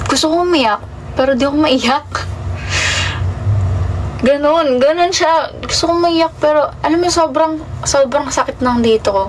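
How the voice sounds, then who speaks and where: A young woman with a slightly high voice speaks to her livestream audience in a loose, rambling way. She circles back through fillers and half-started phrases as she opens up. A faint hum of passing vehicles sits behind her. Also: rough recording. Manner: rambling, full of fillers and restarts. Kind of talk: casual confessional livestream talk.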